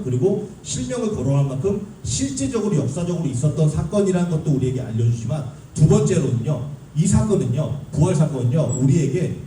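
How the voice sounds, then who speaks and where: A young man preaching a sermon to a youth group, talking in an animated way and putting questions to his listeners. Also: a little high. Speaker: youth pastor. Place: church hall. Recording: echoey room, mic at a distance, faint hum.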